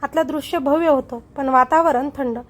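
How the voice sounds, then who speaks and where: High-voiced woman narrating a suspense story. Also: steady tone, normal speed. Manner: suspenseful, dramatic. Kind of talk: dramatic scripted narration.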